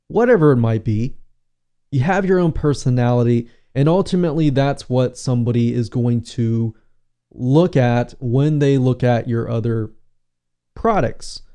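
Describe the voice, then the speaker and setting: A man coaching on webinars in a relaxed, conversational teaching tone, often repeating his points and asking rhetorical questions. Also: medium pitch, clear, resonant tone. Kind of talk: instructional talk.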